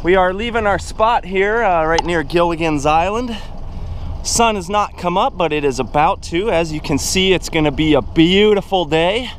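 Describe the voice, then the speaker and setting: A young man narrating his day at sea in a relaxed, rambling way, with fillers and chuckles, speaking into an action camera on a sailboat. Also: sits high, normal speed. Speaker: sailing vlogger. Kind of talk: casual vlog narration. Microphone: action camera on the boat. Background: upbeat music over wind and water.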